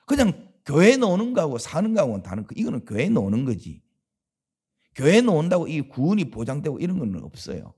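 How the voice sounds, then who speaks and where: At a dawn service, a pastor with a Gyeongsang Korean accent talks to the congregation conversationally and keeps asking them rhetorical questions. He has a mid-range, darkish voice with a breathy edge.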